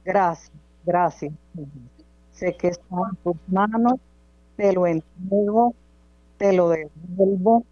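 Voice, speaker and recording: A middle-aged woman, a radio show caller speaking over a phone line, giving a halting, devout personal testimony. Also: lowish voice, warm tone, no room sound. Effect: caller's voice heard over a phone line on the radio. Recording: dull lo-fi phone line with mains hum.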